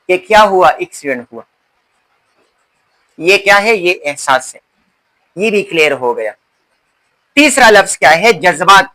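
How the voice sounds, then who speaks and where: A man teaching an Urdu literature lesson in a lecture style. He asks questions and answers them himself, and he repeats key words slowly. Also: sits high, sharp tone, rough recording.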